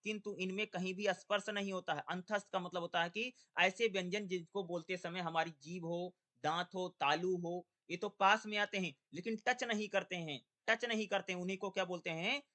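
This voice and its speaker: Young guy teaching an exam-prep class, high bright voice, keeps asking questions and answering them himself. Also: steady tone. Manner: drawls syllables slowly in drills.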